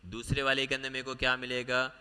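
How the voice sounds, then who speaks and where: Bright-voiced man teaching biology. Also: mid-range voice, completely flat delivery, clean tone, big-room sound. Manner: explains step by step, mixing Hindi with English terms; repeats key points, asks students quick questions. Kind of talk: exam-prep lecture.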